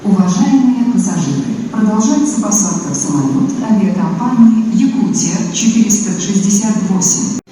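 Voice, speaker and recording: A woman announcer giving a formal airport public-address announcement over the terminal loudspeakers. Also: medium pitch, animated, normal speed, pauses often, background noise.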